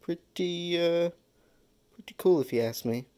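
A man hosting his own pet care vlog, talking in a relaxed, rambling way with many fillers and pauses. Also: fairly high pitch. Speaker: pet-keeping channel host.

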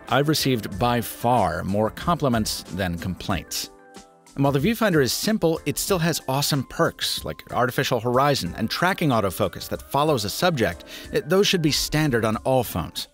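Male tech reviewer from the US, 30s, animated scripted read, light music bed. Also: moderate pace. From United States. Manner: lively, emphatic delivery with wide pitch swings. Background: faint music.

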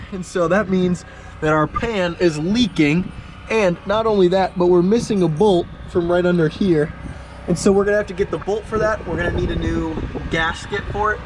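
A young man in his twenties talks through repairs in a relaxed, joking vlog manner. His voice sits fairly high for a man. Clear background noise from the outdoors and the vehicle sits under his words. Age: 20s. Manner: joking, laid-back explaining. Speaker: co-host renovating an RV. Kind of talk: casual vlog chat. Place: under and inside an old RV, outdoors and in.

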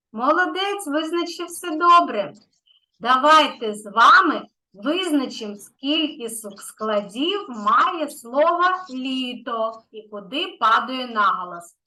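Slow, patient high-voiced woman teacher. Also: pushed and bright, poor audio. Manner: slow, patient and encouraging, stretching key words. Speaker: kindergarten teacher. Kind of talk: online lesson with a young child.

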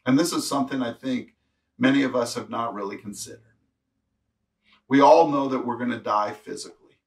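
Pastor, male, mid-pitched, earnest preacher, somewhat distant from the mic. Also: vocal fry, a bit bright. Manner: earnest preaching, reads scripture aloud, rises to emphatic peaks. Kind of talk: sermon.

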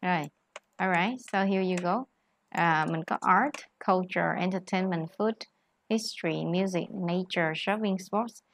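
A woman's voice: on the low side, unhurried, a little hiss or hum. A woman teaching English, patiently explaining word stress and mixing English words into her explanations. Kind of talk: tutoring lesson on word stress.

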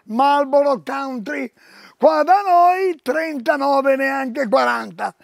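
An older man presenting products on a TV shopping show, talking loudly and exclaiming to viewers as he pitches items from the shop floor. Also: vocal fry, no echo. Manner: loud, exclamatory, keeps calling out to viewers. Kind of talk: live store sales pitch.

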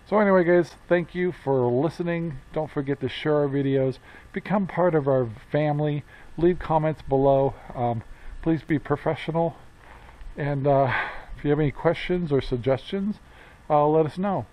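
A man's voice: fairly high pitch, normal speed. Older guy in his 60s vlogging outside by his barn, lots of uhs, kinda muffled camera sound. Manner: rambling, many fillers and restarts. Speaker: homestead vlogger. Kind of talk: casual chat to camera. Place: outdoors by a metal barn. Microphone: action camera at arm's length.

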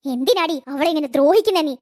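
High-pitched grumbly old granny done by a woman, cartoon, protective and complaining. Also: quick pace, dark tone, natural voice. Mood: scolding. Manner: complaining, scolding.

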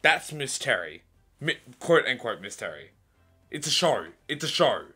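Bright, excitable man playing a game. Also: mid-range voice, measured pace, breathy edge, faint music behind. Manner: excitable, laughing, chatty. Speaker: game player. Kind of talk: casual game commentary.

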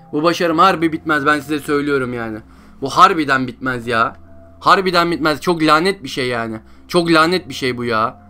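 High, bright-voiced gamer man. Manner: frustrated, groaning, repeats himself. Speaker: gameplay streamer. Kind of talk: gameplay commentary.

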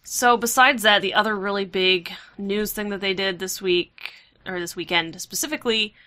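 A woman's voice: mid-range voice, normal speed, bright, forceful tone. A woman hosting a casual gaming podcast, chatty and full of hedging fillers, steering the talk. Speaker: podcast host.

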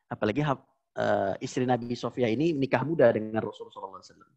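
A man preaching a religious lecture, telling stories and acting out quoted lines with sudden jumps in pitch, speaking directly to his congregation. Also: very fast, vocal fry, darkish tone. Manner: addresses the audience directly as "Bapak Ibu". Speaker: Islamic preacher. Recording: dull lo-fi lecture recording.

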